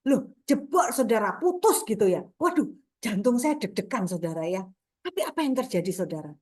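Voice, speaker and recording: A middle-aged woman speaks at a mid pitch, sharing a morning devotional. She talks in a loose, chatty way, full of fillers and tag questions, and keeps turning to her listeners as brothers and sisters. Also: big pitch swings, a little fast, darkish tone.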